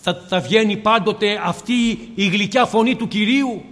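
Guy preaching a sermon, really high voice, fervent and questioning, echoey hall. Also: fairly bright tone. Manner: impassioned, rhetorical questions.

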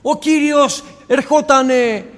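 A man's voice: extremely high pitch, steady tone, in a large hall. A man preaching a sermon with impassioned rhetorical questions, addressing his listeners as brothers and sisters.

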